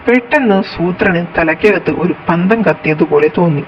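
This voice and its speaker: A performer narrating a cartoon story in a lowered storyteller voice. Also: moderate pace, muffled recording, slight background noise, natural voice.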